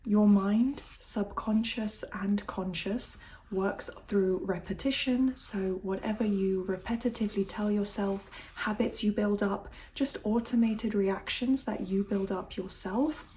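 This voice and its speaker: A woman hosting an ASMR video, speaking softly in a motivational talk. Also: medium pitch, slight background noise, poor audio.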